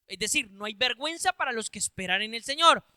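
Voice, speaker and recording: Male preacher, high bright voice, verse-by-verse sermon with emphatic repeated phrases. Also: lively intonation, fast, smooth, dry recording. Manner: reads Bible verses aloud and explains them, repeats phrases for emphasis; bursts into loud emphatic calls.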